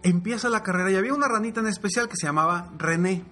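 Guy telling a motivational fable, high bright voice, faint music behind. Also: very fast. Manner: lively, repetitive, drops low and soft for the lesson. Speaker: motivational storyteller. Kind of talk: motivational storytelling.

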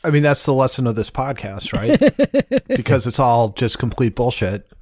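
A man's voice: mid-range voice, wildly swooping pitch, moderate pace, darkish tone, no room sound. Sceptical man chatting, dry sound. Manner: sceptical, mocking, slangy. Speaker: podcast panelist. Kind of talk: casual chat.

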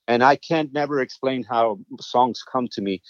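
A man, a songwriter, telling stories animatedly in a casual interview, often repeating words as he gets excited. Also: mid-range voice, normal speed, no echo, highs cut off. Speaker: songwriter and guest.

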